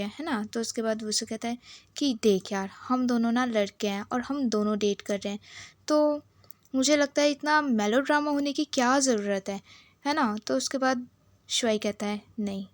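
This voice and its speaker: A woman with a slightly high voice casually recaps a drama episode, retelling the scenes and reading each character's lines in her own voice. The recording has no room sound.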